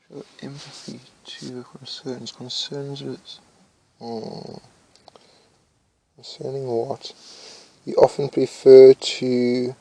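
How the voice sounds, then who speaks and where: A young man with a gravelly, flat, mid-range voice reads test questions aloud, commenting casually as he goes. He speaks slowly and mumbles, thinking aloud with hesitations, and mentions that his voice is loud. The recording is rough.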